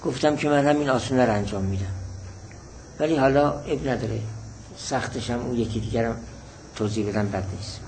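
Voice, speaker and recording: Male teacher, seminary lesson style, patient explainer who repeats key points, medium pitch, light background noise. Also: darkish tone, low-quality recording. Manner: patient, repeats definitions slowly. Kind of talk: seminary text lesson, reading and explaining Arabic.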